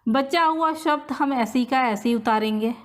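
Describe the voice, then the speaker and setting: A woman teaching a grammar lesson, walking through each rule step by step and repeating key points. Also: sits high. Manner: slow, repetitive step-by-step explaining. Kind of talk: whiteboard-style grammar lesson.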